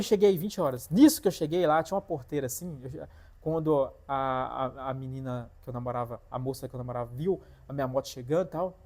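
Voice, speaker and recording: Mellow-voiced man telling a story. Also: fairly high pitch. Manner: animated, repetitive, addresses viewers directly. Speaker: vlogger telling a personal testimony. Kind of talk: casual spoken storytelling.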